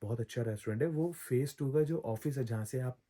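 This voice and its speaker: A man's voice: mid-range voice, brisk, warm tone. A man giving casual travel advice as a vlogger, chatty, often repeating himself and correcting his own slips. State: throat recovering from soreness.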